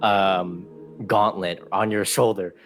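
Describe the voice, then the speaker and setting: A deep-voiced man runs a tabletop game as dungeon master, narrating in a halting way with frequent ums and uhs. Music plays clearly underneath him. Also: fairly even intonation, a bit bright.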